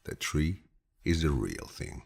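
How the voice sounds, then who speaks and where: This is an audiobook narrator, a man reading quotations aloud slowly from a script. He has a husky, deep, low voice and a gentle, grandfatherly calm that feels soothing.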